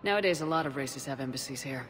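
A calm starship commander. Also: female voice, very deep voice, fast, in a large hall, slight background noise. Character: composed female human starship commander. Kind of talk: video game cutscene dialogue.

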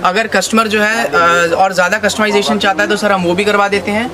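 A man's voice: high-pitched, level tone, fairly quick, a loud crowd. A man in his thirties giving an eager, insistent sales demonstration in a shop, repeating his selling points. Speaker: wholesale jeans seller. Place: small stock-filled jeans shop, indoors.

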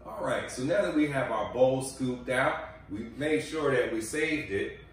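Chatty and coaching, this man in his forties gives health tips while demonstrating a recipe in his home kitchen, speaking in a mid-range voice with lively intonation at a measured pace. The sound, picked up by a far-off camera mic, is echoey with slight hiss or hum.

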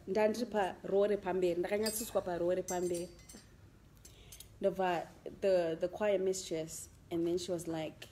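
A woman's voice: on the low side, mellow, slight background noise. Chatty woman hosting. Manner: chatty, laughs often, mixes in Shona words. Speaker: host. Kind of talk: casual interview chat.

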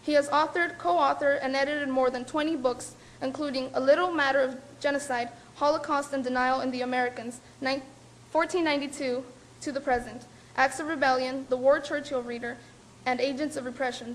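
A young woman with a high, light voice reads a formal introduction from notes to a lecture audience. Her delivery is careful and measured, with a few small slips along the way. A faint hiss of noise sits under her voice. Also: steady tone. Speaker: student event organizer introducing a speaker. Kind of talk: reading a prepared introduction.

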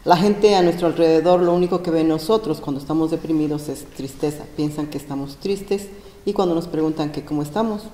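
A woman from Mexico, a panel guest explaining depression, hesitant with many pauses. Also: low-pitched, dark tone, slight background noise. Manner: hesitant, many fillers and restarts. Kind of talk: explaining a health topic. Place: large school gym. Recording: roomy echo, long gym reverb.

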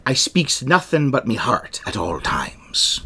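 A man's voice: mid-range voice, wildly swooping pitch, takes it slowly, gravelly, bright, forceful tone, slightly rough, full character voice. A man on a podcast voicing Long John Silver, a scheming old male pirate cook, in a light put-on pirate drawl. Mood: menacing.

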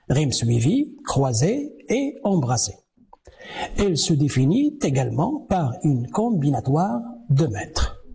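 A man giving a televised university lecture on French verse, slow and deliberate, counting syllables aloud. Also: a little high, vocal fry, mellow, slight background noise. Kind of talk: televised distance-learning lecture.

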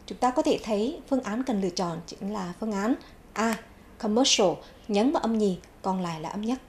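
A woman's voice: mid-range voice, lively intonation, darkish tone, slight background noise. A woman teaching a televised English vocabulary lesson, repeating each English word twice before giving its meaning. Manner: clear, measured classroom delivery. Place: TV studio.

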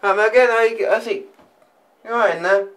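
A man's voice: sits high, steady tone, a little fast, fairly bright tone. A young man chatting casually and joking, trying out funny phrases. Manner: playful, joking. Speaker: cast member. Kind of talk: casual chat.

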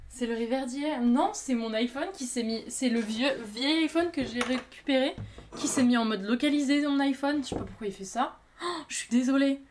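A woman with a high voice chats to her viewers as she works at her pottery. She talks in a lively, excitable way and apologizes often. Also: slight background noise. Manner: chatty, excitable, quick to apologize. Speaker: potter streaming live. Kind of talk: casual live-stream chat.

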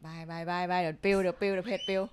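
A woman co-hosting a casual live-stream chat, giggly, with quick back-channel replies. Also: lowish voice, steady tone. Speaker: co-host.

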